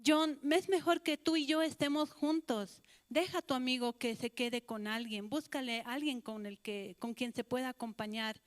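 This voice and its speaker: A woman's voice: high voice, moderate pace, natural voice. A woman with a Bolivian Spanish accent voicing an anxious, doting mother who sighs "ay" and frets aloud. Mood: fretful pleading. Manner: fretful, sighing "ay".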